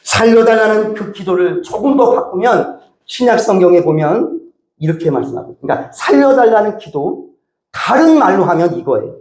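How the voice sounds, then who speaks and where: 생동감 있게 설교하는 남자 목사, 울리는 예배당. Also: male voice, sits high, moderate pace, reverberant. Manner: animated preaching, acts out prayers and a crying baby's pleas. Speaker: pastor. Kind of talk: sermon. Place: church sanctuary.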